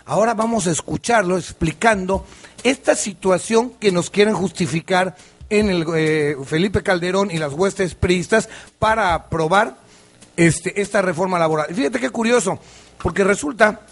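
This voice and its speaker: A man's voice: high voice, moderate pace. A man hosting a radio talk show, commenting chattily with frequent restarts. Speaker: radio host.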